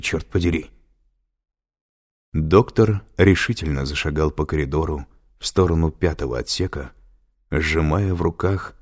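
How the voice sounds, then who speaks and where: A man narrating an audiobook thriller in measured, scripted storytelling. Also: extremely low pitch, a little mellow.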